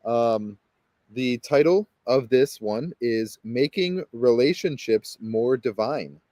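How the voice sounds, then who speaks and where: A man's voice: medium pitch, lively intonation, slow, warm tone, no room sound. A man leading a guided meditation as a spiritual guide, talking in a rambling, hesitant way full of fillers and restarts.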